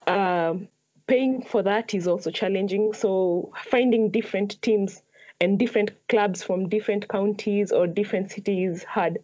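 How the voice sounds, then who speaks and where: A young woman with a Kenyan accent speaks at a middle pitch. She answers interview questions in a casual, conversational way. The recording is a little dull and lo-fi. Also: steady tone, moderate pace, darkish tone. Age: young adult. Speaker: podcast guest, ice hockey player.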